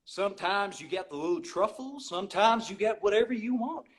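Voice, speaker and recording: A man voicing a goofy, gentle simple-hearted man who loves the world, speaking slowly. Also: high-pitched, expressive. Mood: dreamy. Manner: slow and goofy.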